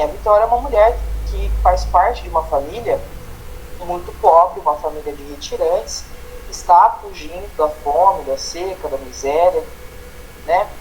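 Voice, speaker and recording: A Brazilian-accented male teacher talks through a grammar class in a patient, explanatory way. He keeps tagging his points with quick checks to his students. The room has a faint hiss behind him. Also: high-pitched, darkish tone, low-quality recording. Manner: explanatory, tags phrases with "né?" and "tá?". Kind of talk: online grammar lesson.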